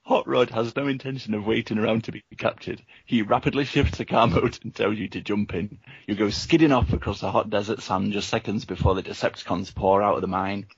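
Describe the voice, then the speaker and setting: A man's voice: lowish voice, fairly even intonation, brisk, few pauses, slightly rough, no room sound, muffled recording. Chuckling man reading a gamebook aloud. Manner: reads the story with chuckles and asides. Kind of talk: casual reading aloud with friends.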